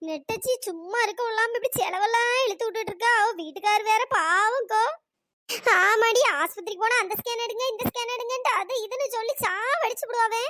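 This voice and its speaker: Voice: a little fast, pushed and bright, dry recording. A gossiping village woman. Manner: chattering, gossipy, scolding. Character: gossiping village women neighbours, fussy. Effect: pitch-raised cartoon voice.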